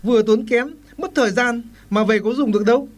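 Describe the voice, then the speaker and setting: A man's voice: very high voice, a little fast. Man playing an earnest, lecturing husband.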